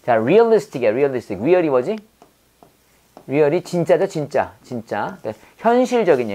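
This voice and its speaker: An English teacher from South Korea with a notably low, slightly mellow voice gives a vocabulary lesson built on mnemonic wordplay. She draws English words out syllable by syllable, repeats them several times, and quizzes viewers with quick questions in between.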